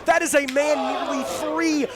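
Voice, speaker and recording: A man working as a wrestling commentator, adding excited, emphatic analysis and repeating phrases for effect. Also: extremely high pitch, measured pace. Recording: very loud live crowd noise behind.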